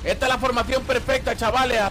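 A man's voice: extremely high pitch, level tone, fast talker, very noisy. A man, a teammate on voice chat calling out orders and pleading for help.

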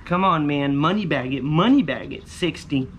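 His fairly high voice is animated and moves at a moderate pace. The thirtysomething vlogger scratches lottery tickets outdoors on a covered poolside patio, chatting to viewers in a slangy, repetitive way and hopefully muttering to himself, with outdoor ambience behind him.

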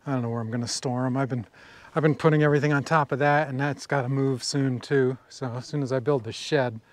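A middle-aged man working a sawmill in a wooded yard talks fast in a steady, mid-range voice. His relaxed running commentary, recorded by an action camera on the mill, is full of musing self-talk and admiring comments on the wood.

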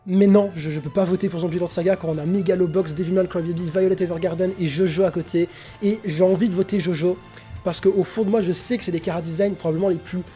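A man's voice: sits high, mellow. A young man giving casual, opinionated commentary, enthusiastic and hesitant with many fillers. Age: young adult. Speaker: anime YouTuber.

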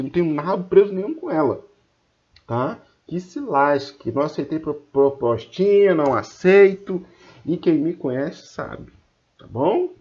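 A high-voiced Brazilian man gives a casual trading lesson, his pitch swinging widely as he scolds and jokes with viewers. The sound is dull and lo-fi. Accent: Brazilian Portuguese. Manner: animated, colloquial, scolding and joking with viewers. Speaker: trading instructor. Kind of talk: informal screen-share trading lesson.

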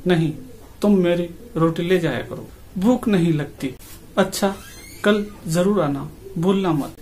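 A man voicing a gentle wandering ascetic. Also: sits high, unhurried. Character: gentle wandering male ascetic beggar, humble. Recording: faint background noise.

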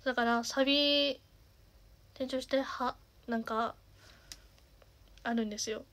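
A young woman in her twenties with a naturally nasal voice, chatting casually as a singer and streamer, with lots of fillers and the odd soft half-whisper. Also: on the high side, fairly even intonation, unhurried. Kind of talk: casual chat.

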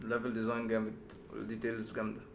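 A man with an Egyptian Arabic accent giving excitable live game commentary, with shouted exclamations and stammered repeats. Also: lowish voice, racing, echoey room, noisy background. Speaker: gaming video host.

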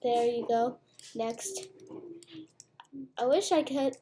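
This young girl's voice is on the high side, with lively intonation and a slow pace. Playing a restaurant game at home, she chats playfully and talks through every move like a casual gamer. Mouse clicks and faint background noise sit behind her.

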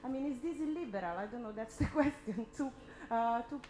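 A woman in her thirties speaking as a panelist in an impromptu discussion, halting and repeating words as she argues earnestly into a handheld microphone. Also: a little high, expressive, darkish tone. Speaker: symposium panelist. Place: indoor symposium room. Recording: roomy hall echo, noise and hum.

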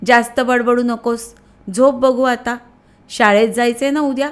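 A woman voicing a gentle, loving mother in a storybook tale, speaking softly and reassuringly. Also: fairly high pitch, fairly even intonation, a little slow, voice pushed up, lightly acted. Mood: tender. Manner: soft, affectionate, reassuring.

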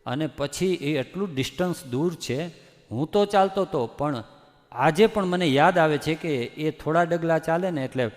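A man's voice: fairly high pitch, a little slow. Earnest man preaching in a reverberant hall. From Gujarat, India. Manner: earnest, pleading, rising to emphatic warnings. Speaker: religious speaker. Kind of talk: devotional discourse.

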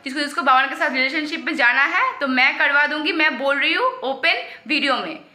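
A woman's voice: sits high, a little fast, pushed and bright, reverberant. A young woman with a Bengali accent, speaking curtly and sulkily to camera in a casual couple vlog. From Kolkata, India. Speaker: vlogger.

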